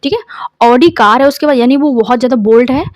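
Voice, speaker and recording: A woman's voice: high voice, fast, dry recording. A woman teacher with an Indian accent, giving an exam vocabulary lesson, spelling words out letter by letter and using memory tricks.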